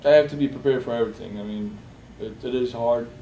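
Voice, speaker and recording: Heard from a distance in an echoey room over a faint hiss, a young man from Bosnia talks about his life in an interview. His voice is mellow and low-key, and his speech is halting, with plenty of fillers and false starts.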